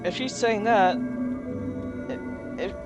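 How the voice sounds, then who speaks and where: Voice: medium pitch, slow. A game player giving casual commentary and reading dialogue aloud, stumbling over words at times. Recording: loud game music behind.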